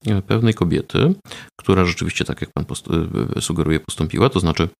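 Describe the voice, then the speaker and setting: A man being interviewed about research he ran, explaining in a measured way with frequent hesitation fillers. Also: low-pitched, creaky, a little mellow. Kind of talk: conversational interview.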